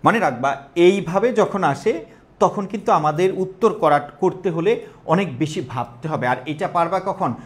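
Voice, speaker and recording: Higher-voiced Bangladeshi man teaching online. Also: lively intonation, normal speed. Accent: Bangladeshi Bengali. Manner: repeats questions, quizzes students. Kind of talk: live online exam-prep lesson.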